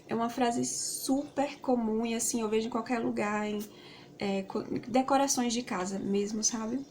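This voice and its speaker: A Brazilian woman, Portuguese her first language, talks through a relaxed English lesson in a slightly high voice. She rambles, with many fillers and tag questions along the way. Faint background noise is heard behind her. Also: normal speed. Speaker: English teacher.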